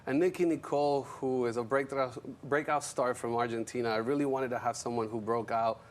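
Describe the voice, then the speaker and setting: In a TV studio, a man of Colombian background appears as an interview guest; he's a music executive and show creator. He speaks briskly at a medium pitch with fairly even intonation, easygoing and telling stories conversationally.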